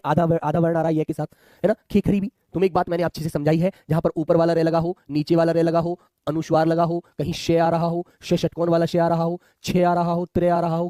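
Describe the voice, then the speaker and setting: Quick-talking guy running an online exam class, high voice, keeps calling the students his kids. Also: mellow, no room sound, clean studio sound. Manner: chatty, calls students "my children" and asks them to answer. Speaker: exam coaching teacher.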